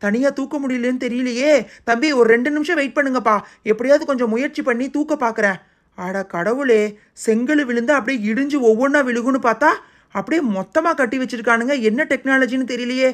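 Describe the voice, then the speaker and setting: A woman's voice: sits high, fast talker, close to an everyday voice. A woman voicing a grown man who takes charge at an accident, giving orders in a doll video. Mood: alarmed.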